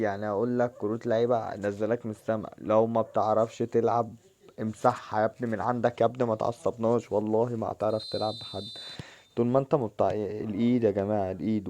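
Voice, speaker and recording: Young egyptian guy, football game commentary, excitable, lowish mellow voice. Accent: Egyptian Arabic. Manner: excitable, shouts at the players in bursts. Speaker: gaming channel host. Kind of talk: casual gameplay commentary.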